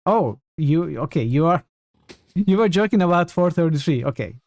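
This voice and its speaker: Lively-pitched man streaming a game. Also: normal speed, creaky, dry recording. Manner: thinks aloud, questioning. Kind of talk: casual live gameplay commentary, talking to chat.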